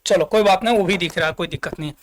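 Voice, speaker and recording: A man's voice: high voice, rapid-fire. A male school chemistry teacher with a Bihari Hindi accent gives a video lesson, repeating key terms, asking questions back to his pupils and counting aloud as he writes. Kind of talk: classroom-style video lesson.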